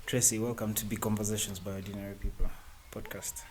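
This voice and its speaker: A man's voice: on the low side, little pitch movement, fast, a little mellow, slight background noise. Teasing male podcast host. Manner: teasing, probing questions. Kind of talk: casual interview.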